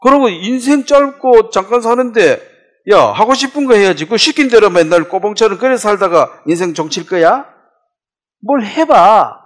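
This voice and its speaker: A man's voice: sits high, animated, normal speed, voice pushed up. A man voicing a sly male devil who goads and mocks a young man. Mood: goading. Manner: mocking, goading.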